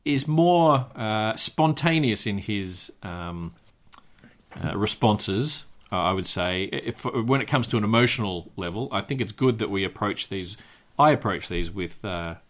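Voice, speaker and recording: A man's voice: lowish voice, animated, unhurried. A man hosting a casual comedic podcast, joking and laughing between phrases. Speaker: podcast host.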